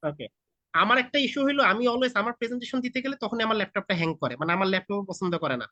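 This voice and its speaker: This IELTS tutor, a man in his thirties with a Bangladeshi Bengali accent, runs an online class via video call, chatting casually, mixing languages with English, and quizzing students directly. He sounds high, animated, quick, pushed, and bright, on dull audio with no room sound.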